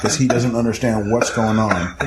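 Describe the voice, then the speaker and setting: Animated, profane man telling a story. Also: on the low side, normal speed, background noise. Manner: animated, profane, acts out other people's voices. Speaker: guest storyteller. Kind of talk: casual storytelling. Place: house interior. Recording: echoey room, faint ambience.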